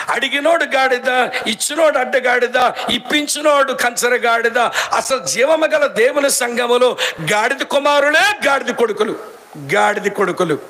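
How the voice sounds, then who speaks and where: A man with a Srikakulam Telugu accent preaching a sermon, telling stories animatedly, acting out the people in them, and scolding and mocking. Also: very high voice. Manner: animated storytelling, acting out quoted women.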